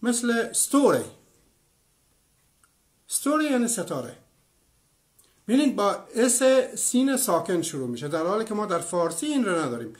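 A man from Iran in his fifties with a high-pitched voice leads an online lecture. He works through one example after another in a clear, explanatory manner. He often pauses to take up comments from his live audience. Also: sing-song. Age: 50s. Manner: explanatory, gives many examples; reads out and answers viewer comments.

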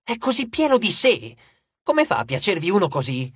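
A man's voice: high voice, huge pitch swings, normal speed, slightly rough, dry recording, voice pushed up, heavily acted. A man voicing a stern, impatient young heroine, speaking firmly and insistently. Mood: exasperated. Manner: firm, exasperated, insistent.

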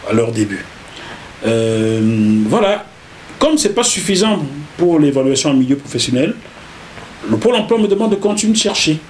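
A middle-aged man with a Cameroonian French accent tells his story in a casual interview. His voice sits a little high for a man, and he stays lively throughout. Faint hiss runs under the recording. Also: moderate pace. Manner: animated, repeats words while telling a story. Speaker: interview guest, journalist.

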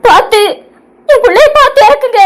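A woman's voice: very high-pitched, a little fast, faint music behind. A woman voicing a worried middle-aged mother in an amateur cartoon, talking in a wailing, distraught way.

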